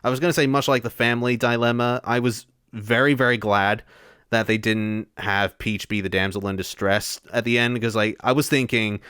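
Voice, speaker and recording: A man's voice: mid-range voice, fairly even intonation, moderate pace, a bit bright, smooth, no room sound, studio quality. A man co-hosting a casual film review podcast, easygoing and agreeable, with hesitant restarts. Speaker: podcast co-host.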